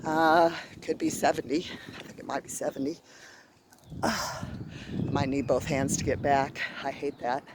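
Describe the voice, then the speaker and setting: A woman's voice: very deep voice, steady tone, very noisy. A middle-aged woman vlogging outdoors on a neighborhood walk, out of breath, chatty and encouraging herself. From Arizona. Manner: chatty, self-encouraging, breathy pauses between phrases. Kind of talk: casual vlog narration while walking. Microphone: handheld phone camera.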